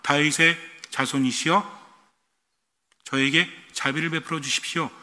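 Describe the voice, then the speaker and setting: A man's voice: a little high, steady tone, a little slow, pushed and bright, long reverb tail. A priest doing a pleading blind beggar man. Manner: humble, pleading.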